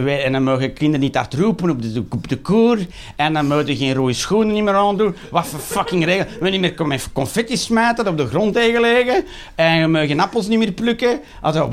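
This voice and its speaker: High-voiced Flemish man ranting sarcastically. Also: fairly bright tone, slight background noise. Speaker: stand-up comedian. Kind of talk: stand-up comedy rant.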